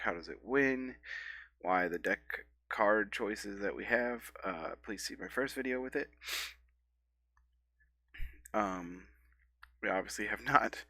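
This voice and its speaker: Here a gameplay streamer in his thirties talks through his card game in a loose, rambling way, full of fillers and self-corrections. A cold leaves his lowish, gravelly voice scratchy and stuffy, with a sharp tone, and the recording is dry.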